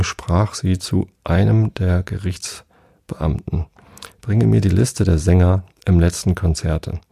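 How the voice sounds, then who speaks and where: Deep gravelly male storyteller. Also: no echo, clean studio sound. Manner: calm, steady reading aloud. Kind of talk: bedtime audiobook reading.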